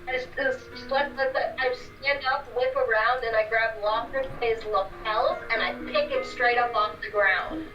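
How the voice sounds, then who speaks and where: A woman with a fairly high voice plays her character at the table in a blunt, forceful way. She sounds set back from the mic in a roomy space, and the sound is a little dull. Music runs behind her. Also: normal speed, few pauses, recorded from a distance. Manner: forceful, swears when in character. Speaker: player. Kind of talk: playing a character in a tabletop game.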